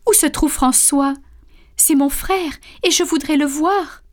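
A woman's voice: sits high, a little slow, darkish tone, pitched above the performer's own voice. A woman voicing a young man confessing a crime in a storybook reading, earnest and direct. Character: young man, guilty twin brother, pleading.

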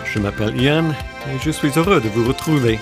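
A man hosting a Bible reflection show, reading his scripted narration in a measured, composed way. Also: medium pitch, loud music behind the voice. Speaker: radio show host.

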